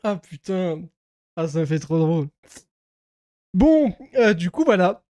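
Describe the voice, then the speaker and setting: A man's voice: high-pitched, big pitch swings, measured pace, mellow, dry recording. A young man chatting casually on a live stream, rambling with many fillers, swearing and laughing at himself.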